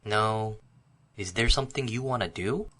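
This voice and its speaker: A man's voice: on the low side, a little slow, bright, forceful tone. A man voicing Carl, a laid-back young man in a scripted course dialogue, with short, plain textbook delivery. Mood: easygoing.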